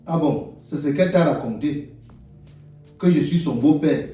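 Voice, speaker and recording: A man with a Cameroonian French accent plays a stern, blustering older stepfather in a comedy web series, scolding and making demands over and over. His voice is on the high side, a little slow and warm, close to an everyday voice. He's far from the mic, with roomy echo and light music.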